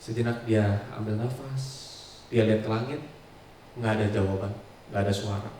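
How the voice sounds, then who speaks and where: A male pastor telling a story in a sermon, with a dramatic delivery that swings between loud and soft. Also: lowish voice, steady tone, normal speed, slight background noise. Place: large church hall. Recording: echoey church hall, mic at distance.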